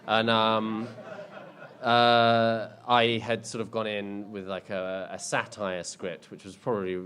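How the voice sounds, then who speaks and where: Taking it slowly, a filmmaker in his thirties answers audience questions at an indoor screening in a casual, rambling manner full of ums and restarts. His voice is fairly low, a bit bright, with little pitch movement, and a little hiss or hum is present.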